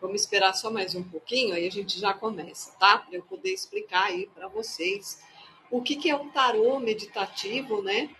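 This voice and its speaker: A woman's voice: medium pitch, animated, moderate pace, sharp tone, slight background noise, poor audio. A woman hosting a casual live stream as a tarot reader, playful and chatty as she greets her viewers one by one.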